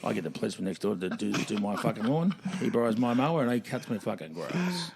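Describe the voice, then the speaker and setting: A man's voice: on the low side, sing-song, quick pace, gravelly, darkish tone, slight background noise. A man from Tasmania with an Australian accent, co-hosting a podcast in casual comic banter, boisterous, sweary and fond of repeating himself. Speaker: podcast co-host.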